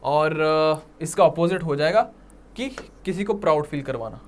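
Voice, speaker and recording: A man with a Punjabi accent teaching English vocabulary for an exam, mixing Hindi and English and often checking in with his students. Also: on the high side. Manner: mixes Hindi and English, checks in with "ठीक है?" and "right?"; repeats words slowly for emphasis. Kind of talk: exam-prep vocabulary lecture.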